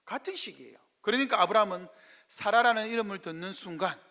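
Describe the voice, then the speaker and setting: A male pastor with a Gyeongsang Korean accent delivers a sermon in a high, bright, forceful voice. He keeps asking the congregation questions and slips into dramatic voices for biblical figures. The sound carries a long echo from a church hall. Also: fast talker. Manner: asks the congregation constant rhetorical questions. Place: church sanctuary.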